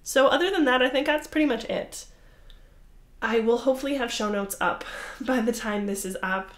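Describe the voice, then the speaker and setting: Talking at a normal speed in a fairly high voice, a young crafting podcast host chats casually to the camera. She rambles and apologizes, using lots of fillers, and the room is echoey and roomy.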